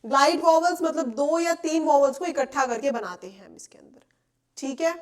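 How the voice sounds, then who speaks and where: Young Indian woman teacher, high voice, patient explainer who keeps checking the class understands. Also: lively intonation, moderate pace. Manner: explains patiently, asks checking questions often. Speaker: English teacher. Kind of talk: classroom lecture.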